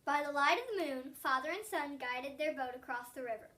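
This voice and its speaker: A young girl of about eight or nine, a third grader, reads a storybook aloud in a high-pitched voice at a fairly quick pace. Her read-aloud narration is expressive with occasional stumbles, picked up by a distant mic with slight background noise.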